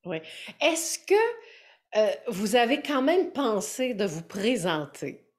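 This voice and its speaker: A woman's voice: mid-range voice, big pitch swings, slow. A woman, interviewing informally with tentative, loosely phrased questions.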